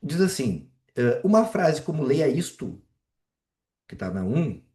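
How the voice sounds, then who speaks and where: A man's voice: on the high side, sing-song, moderate pace, dark tone, echoey room. A man teaching Portuguese on a live video call. He works through exam questions casually and keeps checking in with his students. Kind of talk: live online exam walkthrough.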